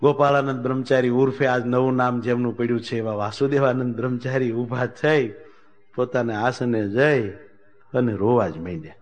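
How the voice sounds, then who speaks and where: A man telling a devotional story as a sermon, animated, raising his voice when he speaks for the characters. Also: normal speed. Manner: animated storytelling, voicing characters with raised pitch. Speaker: religious storyteller.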